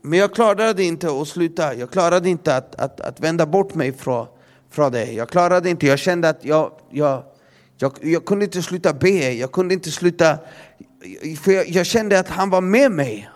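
A young man giving a personal testimony as a preacher, halting and earnest, often repeating his words. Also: on the high side.

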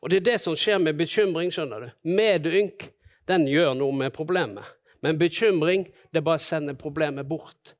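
A man preaching a sermon with a fairly high voice. He tells the stories vividly and acts out the people in them as he goes. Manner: storytelling, acting out the disciples and Jesus in quotes.

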